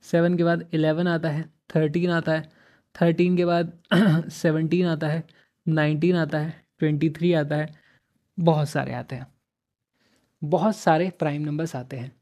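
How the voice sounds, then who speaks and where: A male math teacher giving a chatty exam-prep lesson, repeating phrases, asking and answering his own questions, with sudden louder bursts for emphasis. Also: a little high, little pitch movement, normal speed. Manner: repeats phrases several times in a row.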